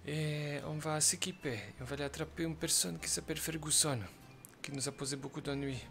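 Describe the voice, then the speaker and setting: A man with a gravelly, creaky voice plays a mafia boss in a game role-play, speaking with a put-on Italian accent. He talks in a calm, commanding way and lays out each step of the plan. Clear music plays behind him. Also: on the high side, a little fast. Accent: fake Italian accent.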